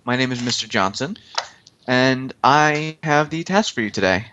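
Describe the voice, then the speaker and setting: A man's voice: mid-range voice, moderate pace, background noise, lightly acted. A game master voicing a businesslike male fixer who hires runners in a tabletop role-play stream, speaking in his own plain voice. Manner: calm, plain-spoken, ruthless demands. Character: male Mister Johnson, cold businesslike corporate fixer.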